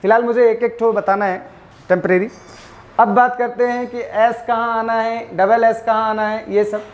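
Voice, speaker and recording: A man teaches English grammar in a high-pitched voice. He spells endings out letter by letter and slows down on them. He keeps asking the class questions and answering them himself. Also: a little mellow. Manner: spells out letters slowly, stresses pronunciation. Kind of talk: classroom lecture.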